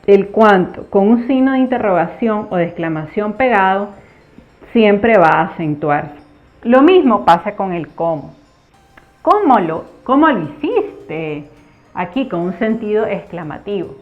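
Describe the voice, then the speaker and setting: A woman teaching an online Spanish grammar lesson, explaining patiently and repeating key words slowly. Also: medium pitch, dull audio. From Nicaragua.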